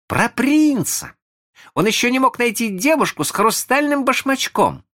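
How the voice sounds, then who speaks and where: A man reading a storybook aloud and voicing an eager, cunning young boy who never grows up, talking in an excited, coaxing way. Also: very high-pitched, unhurried, pitched above the performer's own voice, full character voice.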